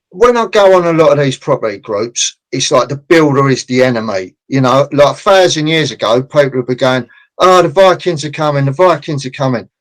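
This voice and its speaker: Animated man talking construction. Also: fairly high pitch, low-quality recording. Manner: animated, acts out quoted people; blunt, passionate about his trade. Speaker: construction consultant guest. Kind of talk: podcast interview.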